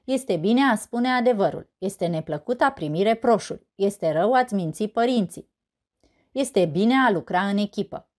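A Romanian-accented woman reading a scripted grammar lesson, asking and answering her own questions in a clear, measured way. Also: mid-range voice, animated, a little mellow. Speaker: teacher presenting a grammar lesson.

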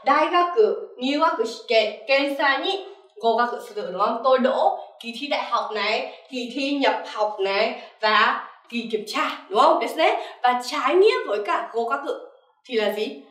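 Her voice sits on the high side, animated and a bit bright, at a normal speed. The young woman leads a Japanese vocabulary lesson, referring to herself as sensei and repeatedly tagging her lines with "right?". She is far from the mic in a room with noticeable echo.

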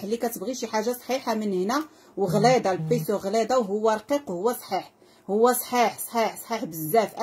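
Husky fast-talking Moroccan saleswoman. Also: on the high side, a little mellow. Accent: Moroccan Arabic. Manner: effusive, repetitive, calls out prices and blessings to viewers. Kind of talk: live sales pitch.

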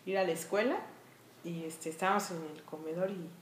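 Mexico city lady chatting in an interview, lowish voice, roomy echo, lots of fillers. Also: a little fast, a little hiss or hum. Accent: Mexico City Spanish. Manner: lively storytelling with frequent fillers. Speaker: funeral director and embalmer. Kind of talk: casual interview. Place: small art-filled room indoors.

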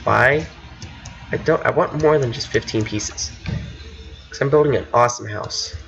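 A man's voice: mid-range voice, normal speed, gravelly, fairly bright tone, soft background music. A man giving casual, rambling commentary to himself while playing a video game, now and then boasting. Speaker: gamer. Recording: dull lo-fi mic with faint hiss.

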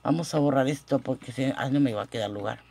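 A woman teaching a language lesson, who repeats each word slowly and corrects her own pronunciation, recorded on a phone. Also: a bass voice, creaky, a little mellow, slightly rough. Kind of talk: slow, careful language lesson. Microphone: phone camera.

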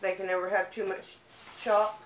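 A medium-pitched, even-toned young woman vlogs her shopping haul, holding up each item in an unhurried, chatty way. She speaks with a lisp and a speech impediment, with slight background noise and room echo.

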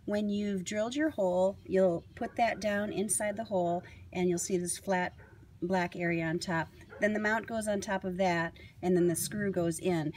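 A woman's voice: medium pitch, steady tone, normal speed, a little mellow, a little hiss or hum. Woman explaining a hands-on install. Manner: clear step-by-step explaining while working with tools. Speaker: product demonstrator. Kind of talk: instructional how-to demonstration.

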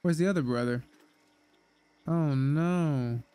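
A man's voice: on the high side, takes it slowly, mellow, clean tone. A man casually commenting as he plays a video game, chatty and reacting aloud. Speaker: gaming streamer. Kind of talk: casual let's-play commentary.

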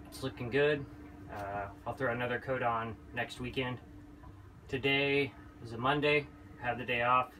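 A young man with a bright, clear voice talks casually in a video diary. He rambles easily and fills gaps with ums and uhs. His voice sits a little back from the mic, with a faint hiss of noise behind it. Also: mid-range voice, unhurried, distant mic, low-quality recording. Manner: relaxed, rambling, with many fillers. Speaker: vlogger and boat owner. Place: small wooden boat cabin.

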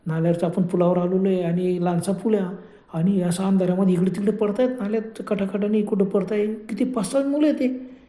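A man's voice: high voice, fairly even intonation, brisk, mellow, echoey room, natural voice. A man voicing a nervous young man in a horror story, anxiously questioning his companion. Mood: uneasy. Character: nervous young man carrying cash in the dark.

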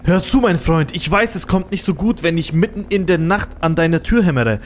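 A man's voice: sits high, lively intonation, moderate pace, slight background noise. A man voicing a menacing male stalker who pleads falsely and then threatens. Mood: pleading. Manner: sneering, threatening, falsely friendly.

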